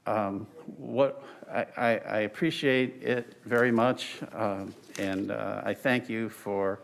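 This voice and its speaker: Slow, halting older man arguing in court. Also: fairly low pitch, fairly even intonation, gravelly. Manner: halting, deliberate, with stretched pauses. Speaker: attorney arguing on appeal. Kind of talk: oral argument in court. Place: large courtroom. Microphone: lectern microphone, speaking through a face mask.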